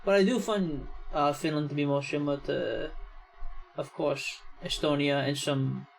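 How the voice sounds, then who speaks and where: A young man with an American accent talks through a video in an easygoing, meandering way, often padding his thoughts with "I mean" and "yeah". His voice sits a little higher than most men's. A faint hiss of noise runs underneath. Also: measured pace, creaky, poor audio. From United States. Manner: relaxed, rambling, lots of "I mean" and "yeah". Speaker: reaction channel host. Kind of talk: casual video reaction commentary.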